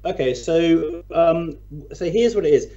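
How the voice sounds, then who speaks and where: A man's voice: on the high side, lively intonation, a little slow, warm tone, highs cut off. A man explaining as an interview guest over a remote call, his microphone crackling and distorting, often checking in with "right?". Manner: explains with analogies, keeps tagging "right?".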